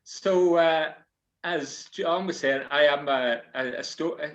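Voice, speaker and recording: A man's voice: a little high, slow pace, muffled recording. Male Irish storyteller, Donegal accent, folksy and hesitant, addressing listeners directly. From South Donegal, Ireland. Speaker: storyteller and author.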